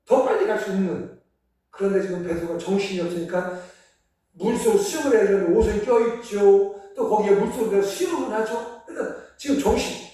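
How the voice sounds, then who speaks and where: Male pastor, sermon, earnest, loud then hushed, very echoey church, distant mic. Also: sits high. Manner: earnest preaching, rising and falling between loud emphasis and soft near-whispers. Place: church sanctuary.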